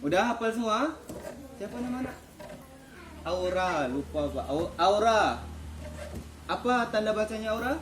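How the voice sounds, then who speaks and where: A man's voice: high-pitched, lively intonation, measured pace, pauses often, background noise. A man teaching children to read the Quran in a classroom, patiently quizzing them and praising their answers. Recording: echoey classroom.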